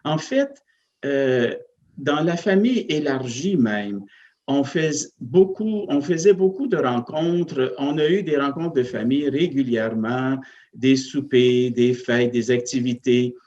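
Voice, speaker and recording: A parish priest from Northern Ontario, Canada, reflects slowly on his family and faith in an interview, telling personal stories. He hesitates a lot, uses many fillers, and restarts sentences, his ordinary-pitched voice animated and darkish in tone. The audio is a bit dull, like an older TV broadcast.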